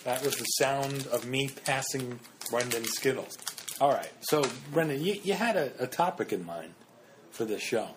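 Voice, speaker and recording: A man's voice: medium pitch, expressive, moderate pace, background noise. A young man co-hosting a casual podcast chat, rambling and hesitant with lots of fillers. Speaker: podcast co-host.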